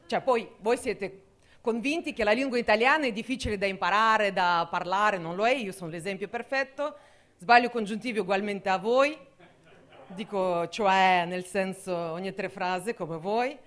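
A young woman from Russia with a Russian accent, performing a deadpan, ironic stand-up comedy set in Italian with slight grammar slips. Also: mid-range voice, moderate pace.

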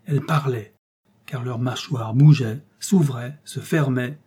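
A man narrating a novel as an audiobook in a measured, even storytelling delivery. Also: mid-range voice, breathy edge. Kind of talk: scripted literary narration.

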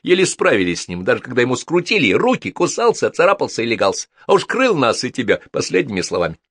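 A man voicing a burly young male thug who talks roughly and brags about a beating he handed out. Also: medium pitch, very animated, fast talker, fairly bright tone, no echo, clean studio sound, pitched above the performer's own voice, exaggerated voice. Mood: rough boastful. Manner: rough, swaggering street talk.

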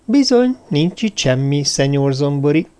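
A man's voice: on the high side, sing-song, a little mellow, clear, resonant tone. A male narrator voicing a mysterious young woman who mocks and commands. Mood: mocking. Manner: mocking, commanding. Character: mysterious young woman, mocking then furious.

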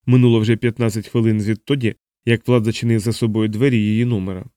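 A man narrating an audiobook in an even, measured storytelling voice. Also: on the low side, clean tone, no room sound, clean studio sound.

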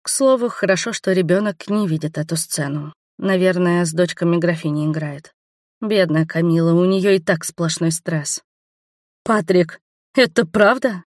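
Low-voiced woman narrating a fantasy audiobook. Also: normal speed, dry recording, clean studio sound. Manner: lively, expressive storytelling.

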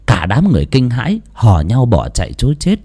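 A man's voice: mid-range voice, wildly swooping pitch, fairly quick, warm tone, husky. A man narrating a ghost story in a dramatic, suspenseful way.

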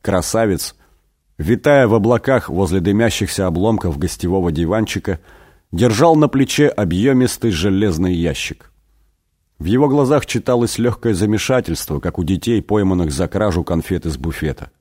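A man reading a satirical story aloud as an audiobook, wry and expressive. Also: low-pitched, normal speed. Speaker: reader. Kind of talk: audiobook narration.

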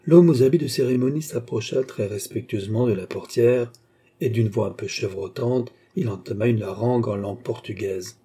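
A man reads a classic novel aloud at a measured pace. His voice is mellow and a little husky. He lifts his pitch when he voices the characters. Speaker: audiobook reader. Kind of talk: scripted narration of a classic novel.

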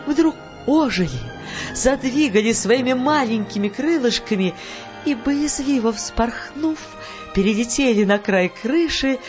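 Woman narrating a storybook over faint music. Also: a little high. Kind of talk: audiobook narration. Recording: dull audio with faint music.

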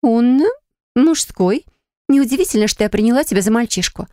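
A woman's voice: a little high, expressive, normal speed, warm tone, no room sound, studio quality, pitched above the performer's own voice, lightly acted. A woman voicing a spoilt, indignant young woman in acted audiobook dialogue. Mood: pouty. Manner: indignant, pouty. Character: spoilt, haughty blonde young woman cabin-mate.

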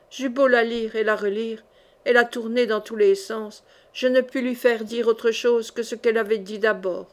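Une femme qui lit un roman à voix haute, d'une lecture lente et mesurée. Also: female voice, a little high, darkish tone. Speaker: audiobook reader. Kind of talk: scripted narration of a novel.

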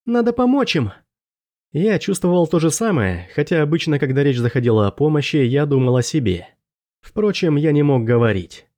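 A man narrating a first-person fantasy audiobook in a measured, steady storytelling manner. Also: fairly high pitch.

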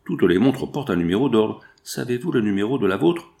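Man voicing a police commissioner, courteous, questioning, gravelly. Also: on the low side, lively intonation, fairly quick, mellow. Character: methodical police commissioner, polite middle-aged man.

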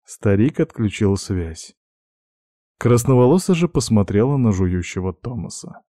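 A man narrating an audiobook in an even, measured storytelling manner. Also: lowish voice, no echo, clean studio sound.

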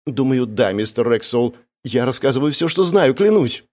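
A man's voice: mid-range voice, lively intonation, moderate pace, darkish tone, pitched above the performer's own voice, close to an everyday voice. A man doing a tearful, frightened young woman. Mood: pleading. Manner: pleading, breathless swearing.

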